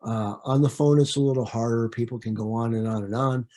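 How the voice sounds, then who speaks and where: A man's voice: mid-range voice, steady tone, brisk, mellow. A man leading a training session in a conversational way, with frequent fillers and repeated words. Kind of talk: training presentation.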